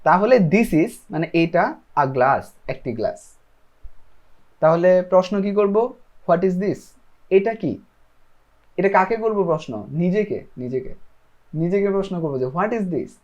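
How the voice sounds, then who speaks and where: A man's voice: sits high, animated, moderate pace, long pauses, muffled recording. A man giving a casual, chatty lesson, often checking in with his listeners. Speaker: self-taught English learner sharing lessons.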